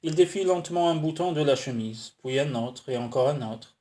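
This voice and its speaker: A man's voice: fairly high pitch, moderate pace, warm tone. Man narrating a romance novel. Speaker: audiobook reader.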